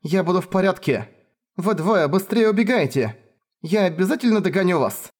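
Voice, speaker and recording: A man voicing the eldest sister, a gentle, brave and loving young woman who speaks softly and steadily. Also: high voice, normal speed, pitched above the performer's own voice. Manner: soft, tender and steady.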